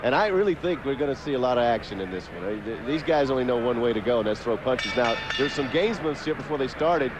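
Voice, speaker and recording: A man's voice: mid-range voice, expressive, fast, hardly any pauses. Male boxing play-by-play caller, medium register, live ringside broadcast with heavy background noise. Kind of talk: live sports commentary. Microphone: ringside broadcast microphone. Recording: loud arena noise behind ringside voice.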